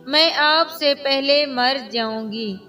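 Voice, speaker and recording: A woman voicing a tearful devoted young wife. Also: high voice. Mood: pleading. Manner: pleading, tearful. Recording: distant mic with soft music.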